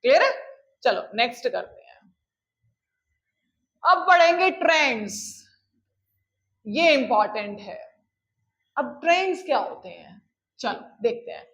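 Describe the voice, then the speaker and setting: A woman teaching a chemistry lecture who mixes in English terms, dictates definitions slowly and keeps checking that students follow. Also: sits high, sing-song, a bit bright, dull audio. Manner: checks in often with "clear?", calls students "beta". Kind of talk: classroom lecture.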